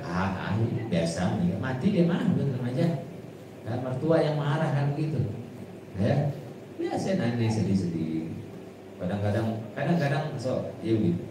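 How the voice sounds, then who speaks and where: A man preaching an informal sermon, chatty, with Arabic quotes and frequent restarts. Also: medium pitch. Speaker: Islamic preacher. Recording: echoey hall from far off, with noise.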